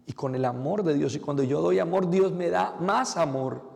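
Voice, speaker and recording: A man who is a priest giving a lively homily, acting out little quotes. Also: on the high side, moderate pace, vocal fry, long reverb tail. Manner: lively preaching with acted-out quotes.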